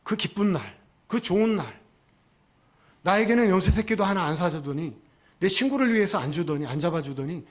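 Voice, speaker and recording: A man's voice: high-pitched, animated, moderate pace. A man voicing an indignant elder son who angrily demands answers from his father, acted within a sermon. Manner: angry, complaining, demanding. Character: indignant resentful elder brother, grown son.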